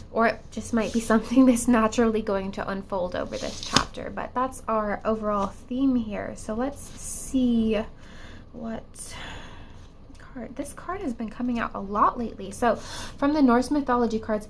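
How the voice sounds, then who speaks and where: Still sounding the effects of a cold, a woman with a slightly high voice works through a pick-a-card tarot reading, hesitating often with fillers and restarts. There's slight background noise.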